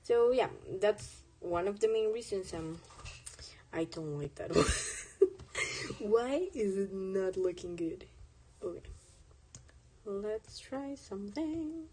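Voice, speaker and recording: A young woman, a native Spanish speaker, chats casually while streaming a drawing session, rambling and correcting herself along the way. Her medium-pitched voice has lively intonation and a dark tone, moving slowly with long pauses. The recording quality is low.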